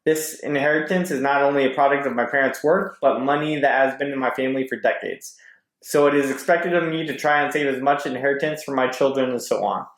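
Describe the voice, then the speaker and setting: Guesting on a podcast, a man reads posts aloud and chats casually, stumbling hesitantly now and then. His voice is medium-pitched and quick, and the recording has a roomy echo.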